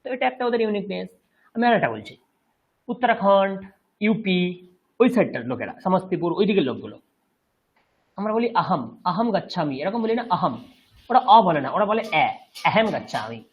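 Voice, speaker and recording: A Bengali-accented man teaches a Sanskrit lesson in a lively, rising and falling voice that is a little husky. He explains patiently and keeps asking if the class has understood. The audio is dull and lo-fi. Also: high voice, brisk, pauses often. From West Bengal, India. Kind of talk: online class lecture.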